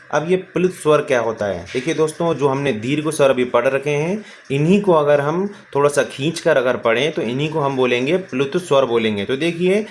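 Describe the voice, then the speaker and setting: A male teacher giving a grammar lesson, who keeps asking questions and answering them himself, addresses viewers as friends, and slowly stretches out sounds as examples. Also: medium pitch, slight background noise.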